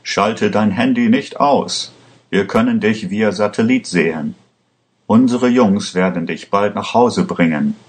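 Ein Mann spricht in einer Hörgeschichte einen besorgten Mann am Telefon, drängend und eindringlich. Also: male voice, on the low side, unhurried, lightly acted. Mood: urgent. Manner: urgent, insistent. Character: worried male official on the phone.

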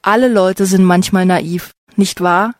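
A friendly, eager young man speaks politely in a slow storybook reading, as a woman reads his part. His voice sits a touch higher than the narration. The sound is close and dry. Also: steady tone, dry recording, lightly acted.

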